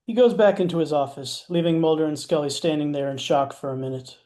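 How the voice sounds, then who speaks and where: A man's voice: on the high side, fast talker, dark tone. A man narrating stage directions in a matter-of-fact way, with wry asides. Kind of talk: scripted narration.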